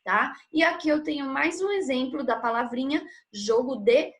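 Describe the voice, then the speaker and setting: A woman's voice: high voice, normal speed. A woman teaching a grammar lesson, patiently explaining and checking in with short tag questions.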